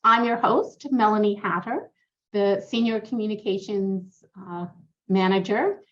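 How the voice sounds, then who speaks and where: A woman hosting a podcast interview, upbeat and encouraging, reacting quickly to her guests. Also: medium pitch, steady tone, a bit bright, lo-fi sound. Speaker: podcast host. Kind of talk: casual interview chat.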